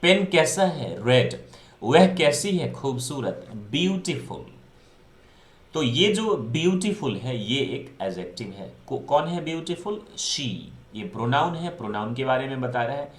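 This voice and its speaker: A man's voice: medium pitch, big pitch swings, measured pace. A man teaching English grammar in an online lesson, mixing English into his talk and often asking his class questions that he then answers himself. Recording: echoey room.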